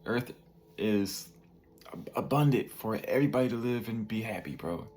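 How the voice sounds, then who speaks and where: A man's voice: lowish voice, moderate pace, darkish tone, a little hiss or hum. A man in his twenties giving a casual motivational monologue to the camera, laid back and full of slang, tagging lines with "bro" and "you feel me". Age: 20s. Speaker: vlogger.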